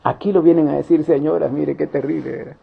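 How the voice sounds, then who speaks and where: A man's voice: a little high, fairly even intonation, quick pace, gravelly, husky. A man preaching at a Bible study, emphatic and repeating his key phrases for weight. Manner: emphatic, repeats key phrases, acts out little quoted scenes. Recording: dull lo-fi recording.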